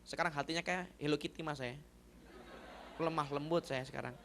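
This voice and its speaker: A middle-aged man preaches a sermon in a high, bright, gravelly voice. He tells his story bluntly and candidly. His delivery swings from loud shouts to soft, hushed lines. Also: fairly even intonation, brisk, a little hiss or hum. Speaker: pastor.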